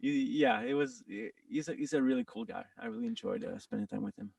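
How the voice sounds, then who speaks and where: A man with a French-Canadian accent, a guest talking casually in an interview, halting with many restarts and quick laughs. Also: medium pitch, huge pitch swings, creaky, darkish tone, breathy edge, dry recording, recorded from a distance. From Quebec, Canada.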